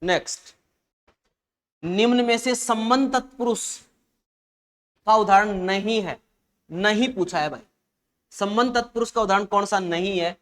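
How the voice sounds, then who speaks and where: A man's voice: high-pitched, unhurried, long pauses, a bit bright. A man teaching an exam-prep lesson, chatty and often calling listeners "saahab" and "bhai".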